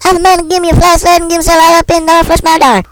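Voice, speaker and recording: A man putting on the voice of a frantic, excitable woman who talks in a shrill, gravelly, garbled rush. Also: fast talker, no room sound, faint music behind. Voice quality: shrill, gravelly, hard to understand.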